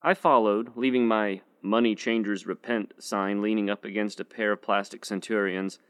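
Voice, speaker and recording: A man narrating a short story in a steady, measured first-person reading. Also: fairly low pitch, clean tone, no room sound. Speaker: audiobook narrator.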